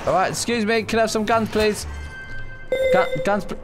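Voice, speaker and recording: Man putting on an excitable high-pitched Mexican accent. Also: moderate pace, loud music behind the voice, lightly acted. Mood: pleading, polite. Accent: Mexican, put on. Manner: exclamatory, pleading, repetitive. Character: excitable, pleading Mexican migrant seeking America. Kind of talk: improvised game role-play.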